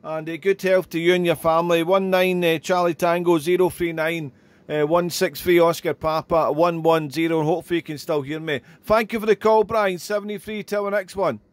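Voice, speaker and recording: High-voiced radio ham. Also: male voice, steady tone, a little fast. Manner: chatty, repeats "there" and phrases. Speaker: amateur radio operator. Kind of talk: radio contact chat with spelling alphabet.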